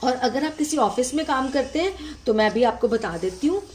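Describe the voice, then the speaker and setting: A woman's voice: high voice, animated, normal speed, a little mellow, slight background noise. A woman teacher patiently explaining a letter format step by step, often checking in with the listener. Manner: patient, frequent "ठीक है" check-ins.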